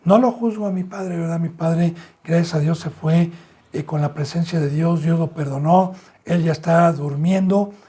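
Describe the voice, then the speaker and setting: A middle-aged man preaching a sermon as pastor, asking his listeners rhetorical questions and calling them brothers and sisters, with sudden emphatic rises in pitch and volume. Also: normal speed, dark tone, slightly rough.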